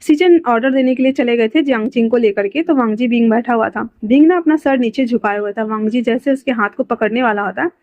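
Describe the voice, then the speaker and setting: A woman's voice: a little high, fast talker, few pauses, no echo. A woman narrating a fan story casually, chatty, with fillers and self-corrections, on a dull lo-fi recording.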